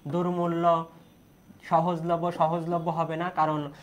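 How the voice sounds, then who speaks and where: A man's voice: on the high side, completely flat delivery, a little slow. A young man from Bangladesh teaching an online exam-prep class in Bengali, asking questions and repeating the key answers.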